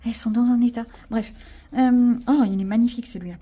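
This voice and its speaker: A woman's voice: fairly high pitch, fairly even intonation, a little fast, dark tone, husky. A woman with a French accent chatting casually to camera about her sticker and craft haul, self-mocking and full of fillers. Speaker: vlogger showing a craft haul.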